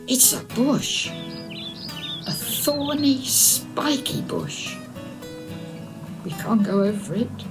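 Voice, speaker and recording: A high-pitched woman reads an animated, chanted story to young children at a very unhurried pace. She is expressive and deliberate, carrying a sing-song storyteller's lilt, while music plays clearly alongside her.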